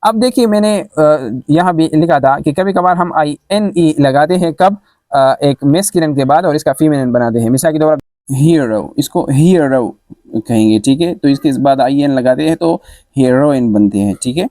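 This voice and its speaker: Male grammar teacher, slightly high voice, dry close mic, spells words letter by letter with frequent fillers. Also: normal speed, mellow, no echo. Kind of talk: explaining a grammar lesson.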